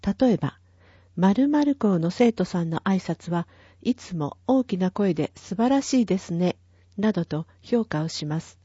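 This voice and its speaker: A woman's voice: on the low side, animated, a little slow, dark tone, husky, no room sound. A woman reading a town newsletter aloud, carefully and evenly, spelling out numbers and addresses digit by digit. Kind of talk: slow, careful read-aloud of a printed bulletin. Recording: dull, lo-fi and dry.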